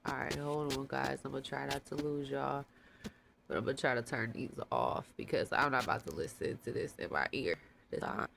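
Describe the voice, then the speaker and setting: A tarot reader hosting a casual channel reading, talking in a relaxed, rambling, slangy way with a congested voice. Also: medium pitch, a little fast, creaky, slight background noise.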